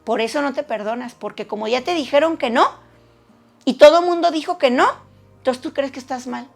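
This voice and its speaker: A high-pitched woman with a gravelly, creaky edge, preaching to women in a chatty, animated way. She slips in and out of the voices of the people she quotes. Faint music plays underneath. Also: fairly quick. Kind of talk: conversational sermon.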